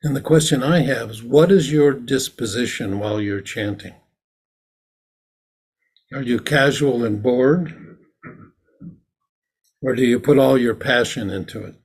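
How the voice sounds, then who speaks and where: A man's voice: medium pitch, a little slow, long pauses, slightly rough. A man, a Zen teacher, giving a dharma talk in a meditation hall, explaining ritual plainly and then acting out its lines.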